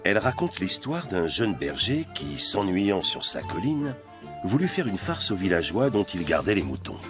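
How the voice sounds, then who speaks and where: A man's voice: fairly low pitch, big pitch swings, moderate pace. A man reading scripted narration for a nature documentary in speech. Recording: music bed under narration. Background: music.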